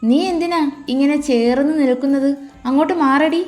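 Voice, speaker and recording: A woman's voice: sits high, normal speed, darkish tone, soft background music, pitched above the performer's own voice, lightly acted. A woman storyteller voicing a harsh, scornful young village man who speaks curtly. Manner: curt, contemptuous.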